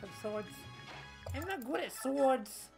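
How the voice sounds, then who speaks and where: A woman's voice: sits high, expressive, unhurried, vocal fry, darkish tone, faint music behind. Giggly woman chatting over gameplay. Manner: playful, giggly, jokey. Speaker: co-host playing a video game. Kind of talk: casual let's-play chat.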